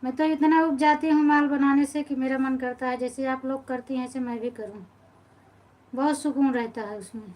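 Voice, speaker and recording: High-voiced Awadhi-accented woman chatting live. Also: steady tone, moderate pace, darkish tone, low-quality recording. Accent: Awadhi-inflected Hindi. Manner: chatty, complaining, greets viewers by name. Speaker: live-stream host and folk singer. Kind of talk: casual live-stream chat with viewers.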